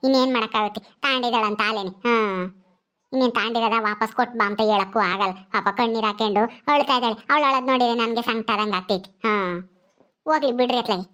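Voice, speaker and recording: A woman voicing a kind, motherly village sister-in-law who soothes softly. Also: a little high, fast talker, voice pushed down. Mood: soothing. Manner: soft, soothing, coaxing.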